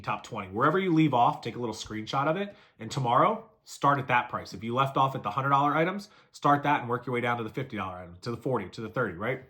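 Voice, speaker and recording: Fast-talking man coaching resellers. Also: medium pitch, pushed and bright. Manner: brisk, coaching, lists steps and repeats them. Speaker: reseller giving selling tips. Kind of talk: fast casual how-to talk to camera.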